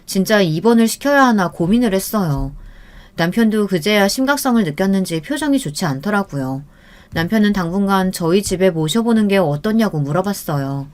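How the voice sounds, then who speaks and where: A woman narrating a scripted real-life story in the first person, in an even, conversational way. Her pitch sits at a middle height for a woman. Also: brisk.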